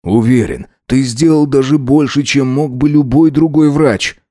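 A man's voice: medium pitch, unhurried, dark tone, no echo, studio quality, lightly acted. A man doing a loyal, protective friend.

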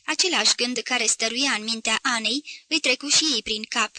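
Bright-voiced woman reading a novel aloud. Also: fairly high pitch, dry recording. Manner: measured storytelling, lightly voicing the characters' quoted lines. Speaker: audiobook reader. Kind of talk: scripted literary narration.

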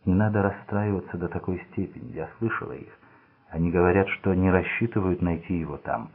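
A man's voice: deep voice, a little fast, slightly rough. A man reading the lines of a fussy, anxious, kindly aging bearded lady who rambles and gushes, in a storybook. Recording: phone-like narrow band.

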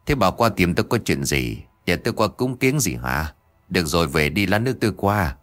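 A man's voice: sits low, very animated, brisk, fairly bright tone, no room sound. A man doing a whiny cowardly old exorcist. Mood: bluster. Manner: whiny complaining.

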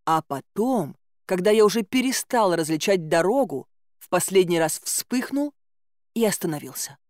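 A woman narrating a first-person fairy-tale audiobook in a wry, expressive storytelling manner. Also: fairly low pitch, moderate pace, dry recording, clean studio sound.

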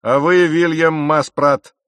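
A man voicing a furious, domineering ship captain who shouts and rages at his crew. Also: on the high side, steady tone, takes it slowly, dry recording, voice pushed up. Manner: shouting, raging, commanding.

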